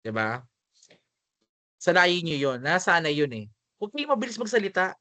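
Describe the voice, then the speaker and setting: A man's voice: high voice, sing-song, moderate pace, sharp tone, no room sound. Filipino man lecturing in a dry room. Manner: conversational, keeps asking "di ba?", switches between Tagalog and English. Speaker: teacher. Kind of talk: spoken lecture.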